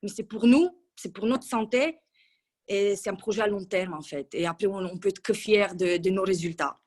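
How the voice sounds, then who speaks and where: A woman's voice: medium pitch, moderate pace, darkish tone. A woman in her thirties giving a casual testimonial in an interview, chatty and full of restarts. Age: 30s. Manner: chatty, with many restarts and fillers. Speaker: coaching client giving a testimonial.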